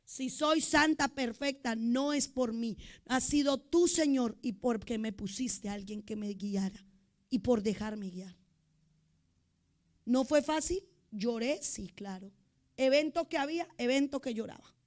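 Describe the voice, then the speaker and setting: High-voiced woman pastor preaching. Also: unhurried. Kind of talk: sermon.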